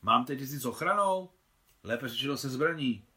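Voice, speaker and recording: A hot-tempered lady of the house bristles with indignation, voiced by a male reader. Her voice sounds bright and sharp. It is a storybook reading. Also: mid-range voice, expressive. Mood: indignant. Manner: fiery, indignant.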